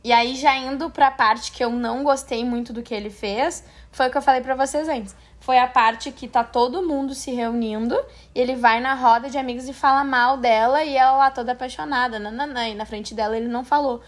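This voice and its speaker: A woman's voice: sits high, brisk, hardly any pauses. A woman chatting casually and loosely, with many fillers. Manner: relaxed, uses many fillers like "tipo assim". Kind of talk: casual discussion.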